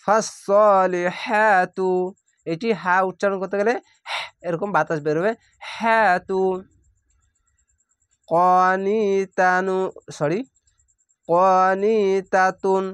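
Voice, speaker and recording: Guy teaching quran reading, quick rules then slow stretched-out words, dry close sound. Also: high voice, dry recording. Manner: explains rules briskly, then recites words very slowly and drawn out. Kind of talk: spelling-out Quran reading lesson.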